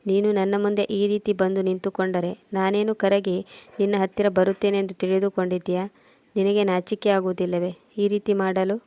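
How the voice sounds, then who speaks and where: A woman's voice: medium pitch, flat delivery, moderate pace, mellow, no room sound, close to an everyday voice. A woman reading the lines of an angry, contemptuous husband in a storybook narration. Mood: scornful. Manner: scolding, harsh questions.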